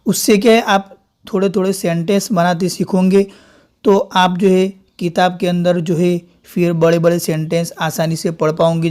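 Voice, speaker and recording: A man hosting his channel, teaching an online Urdu reading lesson. He explains patiently, using religious greetings and phrases, and reads syllables and short drill sentences slowly and deliberately. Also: high voice, darkish tone.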